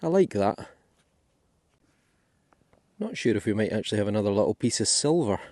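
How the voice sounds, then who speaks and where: A Scottish man chats and thinks aloud while digging up finds in a field for his metal detecting vlog. His voice is fairly low, with big pitch swings, a moderate pace, and a slightly mellow quality, recorded outdoors without echo.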